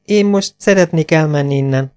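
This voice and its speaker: A frightened young woman fires off short, startled questions while she runs through the night, as a man lifts his voice high to play her. Her tone is anxious and breathless, with even pacing and an ordinary timbre. It sounds like an audiobook scene. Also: smooth, faint music behind, natural voice.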